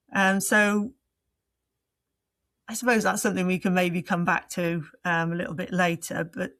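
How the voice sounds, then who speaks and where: A woman leadership coach answering interview questions in a reflective way, pausing often as she searches for her words. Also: fairly low pitch, no echo.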